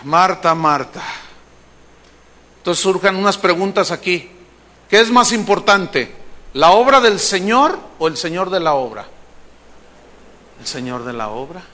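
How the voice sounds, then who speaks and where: A man with a Mexican accent preaching a sermon in a church auditorium, telling lively anecdotes and acting out the other people in them. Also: sits high, a little slow, pauses often. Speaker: pastor. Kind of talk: sermon with storytelling.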